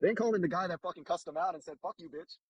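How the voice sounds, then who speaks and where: A man's voice: high voice, rapid-fire, slightly rough, no echo, dull audio. A man hosting a casual advice chat, blunt, profane and streetwise, talking from a car. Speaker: host giving dating advice.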